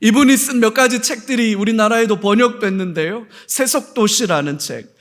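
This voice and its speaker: A man preaching a sermon as pastor, animated, with rhetorical questions to the congregation and homely humor. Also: high voice, moderate pace. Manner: homely humor with everyday anecdotes.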